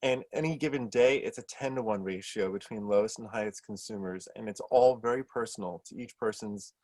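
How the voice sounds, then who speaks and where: A man's voice: on the low side, fairly quick, a little mellow, dry recording, low-quality recording. A man moderating a webinar session, chiming in with conversational comments. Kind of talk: webinar discussion.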